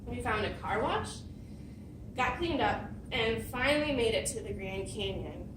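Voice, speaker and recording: A woman giving a prepared personal story speech at a speaking club, telling it with lively dramatic emphasis. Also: a little high, unhurried, background noise. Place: meeting room. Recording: roomy hall, mic at a distance.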